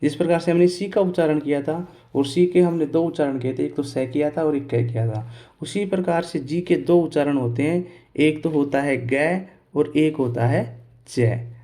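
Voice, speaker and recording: A male teacher explaining pronunciation step by step, asking questions and answering them himself, repeating key words slowly and spelling out letters. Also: fairly high pitch, mellow. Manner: clears his throat now and then. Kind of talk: Hindi lesson on English pronunciation.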